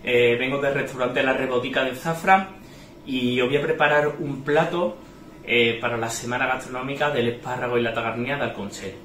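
A chef in a small tiled restaurant kitchen walks viewers through a recipe step by step, checking in with them often. His medium-pitched voice is a bit bright and a little fast. The room echoes, with a sizzling pan, frying noise and kitchen ambience behind him.

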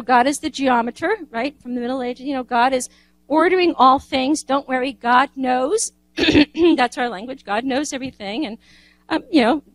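A woman's voice: a little high, dry recording, poor audio. A woman giving an informal lecture, talking conversationally with many asides and restarts. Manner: conversational, frequent "you know" and restarts.

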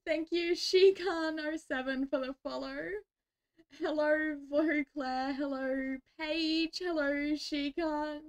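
High-voiced Australian woman streamer, unhurried. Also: fairly even intonation. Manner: chatty, giggly, greets viewers warmly. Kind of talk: casual livestream chat.

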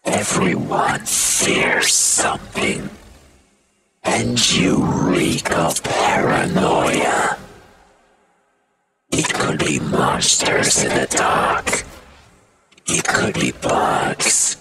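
Gravelly, ultra-deep Scarecrow villain. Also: male voice, animated, exaggerated voice. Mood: sinister, menacing. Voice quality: gravelly, breathy rasp, mostly unvoiced. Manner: slow, sinister, taunting. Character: menacing scarecrow supervillain who feeds on fear. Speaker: voice impressionist. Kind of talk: villain character monologue, video game impression. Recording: loud background noise.

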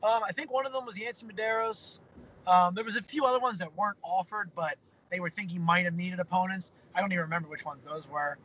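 Fast-talking and sharp in tone, this young man has a high voice and rambles upbeat through an interview as a fighter, full of fillers. The video call runs on his phone camera from a parked car, giving slightly dull audio and a faint hum.

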